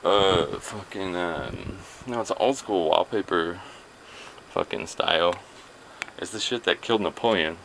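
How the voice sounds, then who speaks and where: A man's voice: sits low, measured pace, vocal fry, fairly bright tone, slight background noise, poor audio. A man vlogging alone to his camera, rambling and swearing freely while trailing off mid-thought. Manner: rambling, profane, self-deprecating, trailing off.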